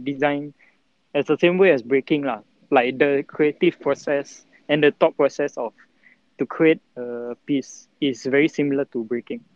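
Heavy on fillers and Singlish particles like lah, lor and mah, a twenty-something breakdancer with a Singaporean accent gives halting, rambling answers as a casual interview guest. The mid-range voice comes through a dry, dull-sounding recording.

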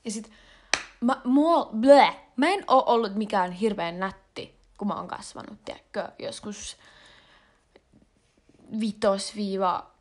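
A woman's voice: mid-range voice, pauses often, darkish tone, a little hiss or hum. A young adult woman vlogging in a casual confessional chat, rambling with lots of fillers and slang. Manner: rambling and slangy, with frequent fillers and English words mixed in.

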